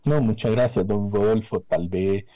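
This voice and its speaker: A young Costa Rican man joins a radio interview over a remote connection, his voice low and darkly mellow. He speaks articulately with soft, dropped s sounds. The sound is dry and close. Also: normal speed, no echo, rough recording. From Costa Rica. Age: young adult. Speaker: economist guest. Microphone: remote video call.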